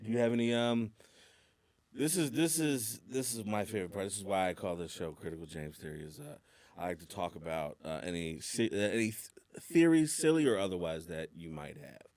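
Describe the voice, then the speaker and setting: A male podcast host speaks in a somewhat low voice, recorded dry and close on a studio mic. He tells his stories in a laid-back, rambling, casual manner. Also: lively intonation, a little fast, a little mellow, no room sound.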